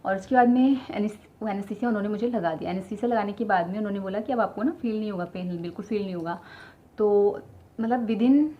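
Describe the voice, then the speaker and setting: A woman's voice: mid-range voice, fast, dark tone. A young woman chatting directly to her viewers, telling a personal story with lots of fillers. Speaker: vlogger sharing her childbirth story. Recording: slightly dull lo-fi sound with faint ambience.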